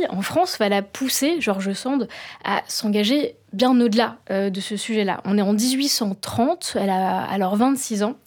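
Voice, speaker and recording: A woman's voice: mid-range voice, a little mellow. A woman hosting an interview, guiding her guest with questions and a few hesitations. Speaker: host. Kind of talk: radio interview.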